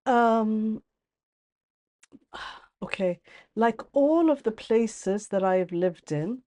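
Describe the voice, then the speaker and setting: A woman's voice: a little high, lively intonation, drawn-out words, dark tone. A middle-aged woman from Ethiopia and the UAE, a podcast guest talking in a thoughtful, hesitant way with many restarts. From born in Ethiopia, raised in the UAE. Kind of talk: casual conversational interview.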